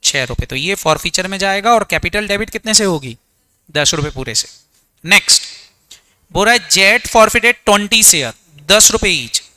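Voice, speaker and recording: A man's voice: lively intonation, normal speed, bright, forceful tone. A man teaching an accounts revision class, firing questions at students and answering them himself. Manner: quizzes students, answers his own questions in a low voice; mixes English terms into Hindi. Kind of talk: exam revision lecture.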